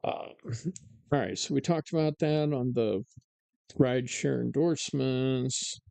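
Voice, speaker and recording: A man's voice: medium pitch, measured pace, vocal fry, dark tone, no room sound. A man hosting a live-streamed talk show, chatting casually and ranting sarcastically with plenty of fillers. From United States. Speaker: podcast host.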